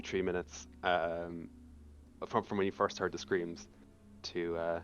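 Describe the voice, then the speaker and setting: A man narrating as game master, pausing often with ums and uhs. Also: fairly low pitch, dull audio. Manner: halting, many ums and uhs.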